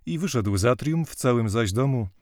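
A male narrator reads a classic novel at a measured, steady pace. His voice sits in the middle of the male pitch range, and the recording is close and dry, with no room sound. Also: dry recording. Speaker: audiobook narrator.

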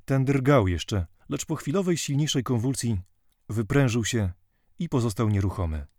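A male narrator reads a classic novel at a measured, steady pace. His voice sits in the middle of the male pitch range, and the recording is close and dry, with no room sound. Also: no room sound. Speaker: audiobook narrator.

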